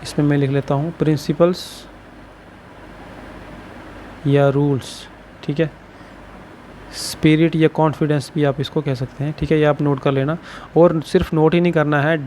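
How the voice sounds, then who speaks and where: A male shorthand teacher explains a lesson, tagging almost every phrase with "ठीक है" and repeating words slowly. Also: on the high side, a little mellow, a little hiss or hum.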